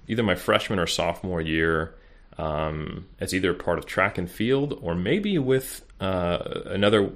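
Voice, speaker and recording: A man's voice: deep voice, fairly bright tone. A man in his thirties, a podcast guest, talking casually and rambling with many fillers and restarts. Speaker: podcast guest, bodybuilding coach. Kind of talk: casual interview chat.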